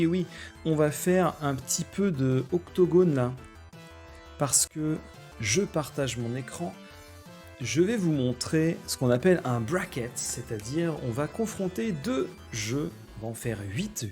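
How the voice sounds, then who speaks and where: A man with a slightly raised voice hosts a casual video-call chat, easygoing and joking as he runs the game. Soft music plays faintly in the background. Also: fairly high pitch, a little slow. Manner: relaxed, joking, guiding the game. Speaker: host.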